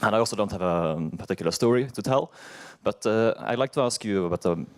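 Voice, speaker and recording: Deep-voiced man asking a tentative question. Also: lively intonation, fairly quick. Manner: unprepared and tentative. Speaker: audience member asking a question. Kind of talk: question at a panel discussion.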